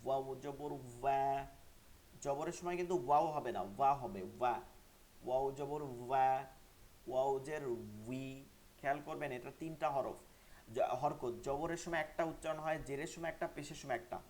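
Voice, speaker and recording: A man's voice: a little high, a little mellow. Man teaching with drilled repetitions. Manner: repeats sounds slowly for learners to copy. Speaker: Quran recitation teacher. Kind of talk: online class lesson.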